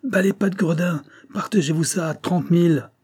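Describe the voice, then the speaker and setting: A man's voice: mid-range voice, moderate pace, mellow, slightly rough, close to an everyday voice. A man reading an audiobook and voicing a brave young male hero who speaks in firm, commanding tones. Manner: commanding, resolute.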